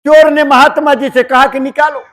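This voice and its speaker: A man's voice: very high voice, moderate pace. A man giving a devotional sermon, telling folksy parables in a colloquial way and acting out the dialogue. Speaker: satsang speaker.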